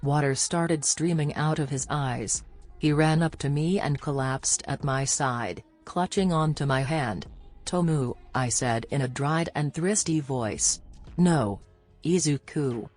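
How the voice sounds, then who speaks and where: Woman reading fanfic out loud, really low voice, soft music underneath. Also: a little slow. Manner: steady first-person storytelling. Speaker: narrator. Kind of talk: fan fiction audio reading. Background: faint music.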